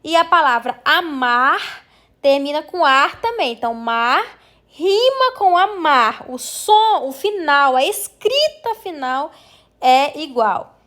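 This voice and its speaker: Patient high-voiced Brazilian woman teacher. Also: expressive, bright, forceful tone. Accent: Brazilian Portuguese. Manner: patient, slow syllable-by-syllable pronunciation of example words. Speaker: primary school teacher. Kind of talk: remote lesson, step-by-step explanation.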